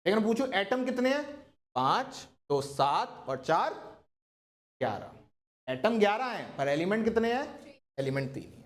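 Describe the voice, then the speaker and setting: A man's voice: high voice, very animated, normal speed, pauses often. A man teaching a chemistry class, constantly asking his students questions and coaxing them to answer. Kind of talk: classroom lecture.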